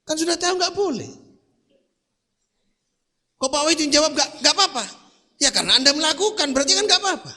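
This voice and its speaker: Lively high-voiced preacher. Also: male voice, brisk, pauses often. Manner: quizzes the audience with rhetorical questions. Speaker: Islamic preacher. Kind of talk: sermon to a congregation. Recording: long hall reverb.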